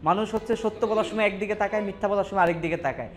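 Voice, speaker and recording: A male teacher from Bangladesh lectures a class and keeps pausing to ask if everyone has understood. His voice sits fairly high. Faint background noise runs under the recording. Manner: rhetorical check-ins with students. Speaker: English teacher.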